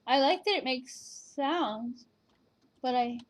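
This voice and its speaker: A woman's voice: high voice, slow. A woman casually chatting at home at her computer, rambling and hesitant, with many fillers and restarts. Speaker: vlogger reviewing virtual canes. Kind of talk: casual chat.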